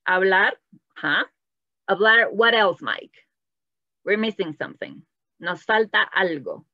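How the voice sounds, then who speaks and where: A Latin American woman teaches an online Spanish class, patiently encouraging students and moving between English and Spanish as she praises them. Her medium-pitched voice is expressive and slow, and the recording is muffled with no room sound.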